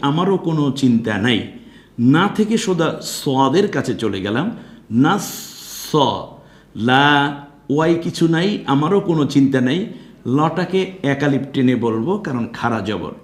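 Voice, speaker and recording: A man's voice: fairly high pitch, lively intonation, echoey room. A man teaching Quran recitation step by step, spelling out syllables and explaining pronunciation rules. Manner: spells out syllables slowly, then chants verses drawn out.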